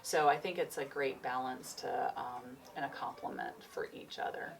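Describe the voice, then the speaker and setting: Recorded from a distant mic with faint noise, a woman in her 40s, a yoga teacher and chiropractor, chats casually in an interview, rambling as she goes and laughing often in a free-spirited way. Her bass voice is creaky, with fairly even intonation and a moderate pace.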